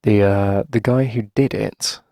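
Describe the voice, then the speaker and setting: In a casual ASMR roleplay, a man plays a friendly but flustered coffee shop owner, speaking hesitantly to a favorite customer with a weary, exasperated air. His voice is low, steady, slow and mellow, creaky and gravelly, delivered with chatty sighs in a dry, clean studio recording.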